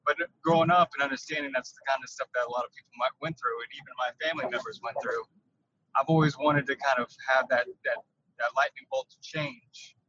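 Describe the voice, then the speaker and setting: A man calls in from inside his truck, and his voice comes through with a windy, tunnel-like rush. His tone is husky yet bright, and the recording is muffled and lo-fi. He speaks haltingly and circles back over his words. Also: medium pitch. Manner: halting, repeats words while thinking. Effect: windy, tunnel-like truck-cab sound. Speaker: podcast guest. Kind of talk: casual interview over a call.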